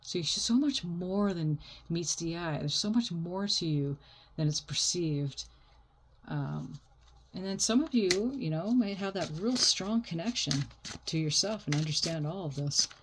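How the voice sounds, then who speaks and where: A woman's voice: lowish voice, lively intonation, measured pace, a little hiss or hum. A woman giving an unscripted oracle card reading like a fortune teller, talking in a reassuring, spiritual way.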